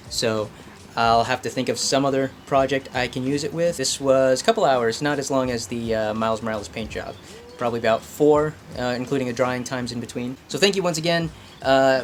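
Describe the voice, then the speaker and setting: A slight hiss or hum accompanies a man's mid-range voice as he hosts a craft and painting video. His talk is a casual, self-deprecating explanation of a hobby project.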